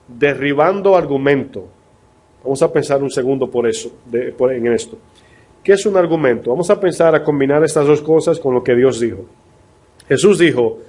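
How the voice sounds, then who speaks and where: A male pastor preaching a sermon in a conversational way, asking his listeners rhetorical questions and reading scripture slowly and deliberately. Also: mid-range voice, darkish tone.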